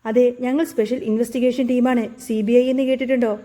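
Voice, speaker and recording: A woman's voice: fairly high pitch, flat delivery, a little fast, mellow, close to an everyday voice. A woman voicing a stern woman who poses as a police officer and bluffs and threatens.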